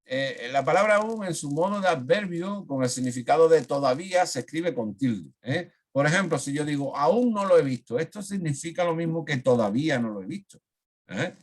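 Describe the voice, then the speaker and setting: A man giving an online grammar lesson on a video call. He fills pauses with "eh" and keeps checking in with "¿eh?". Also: a little high, expressive. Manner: frequent "eh" fillers, checks in with "¿eh?". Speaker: teacher.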